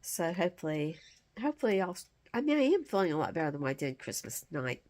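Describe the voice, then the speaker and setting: A woman's voice: lowish voice, sing-song, fast talker, a little mellow. A middle-aged woman with a cold and a nasal, stuffy voice, explaining things casually and a bit tiredly to her camera at home. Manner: rambling, plainspoken, tired. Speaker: vlogger. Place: at home indoors.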